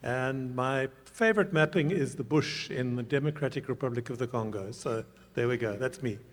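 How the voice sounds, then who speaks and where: A man's voice: mid-range voice, normal speed, slight background noise. A man from South Africa, the board chair, introducing himself on a panel in an easygoing, wry way. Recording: large hall reverb.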